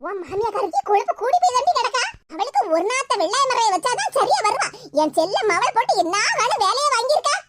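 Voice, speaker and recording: Woman doing a shrill fierce mother. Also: very animated, fast talker, hardly any pauses. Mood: indignant. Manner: scolding, indignant. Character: fierce protective older village mother. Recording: loud background hiss.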